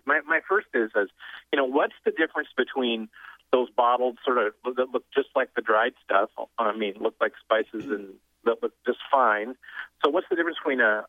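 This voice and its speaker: A man's voice: mid-range voice, no echo. A man calling in to a talk show, asking questions with a hesitant manner and many restarts, heard over a phone line. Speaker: caller. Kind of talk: phoning in to a radio show.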